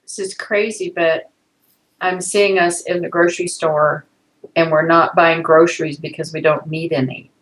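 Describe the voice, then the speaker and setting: A woman's voice: low voice, flat delivery, moderate pace, poor audio. An older woman, a client in a healing session, talking through memories in a rambling, hesitant way and often breaking into laughter.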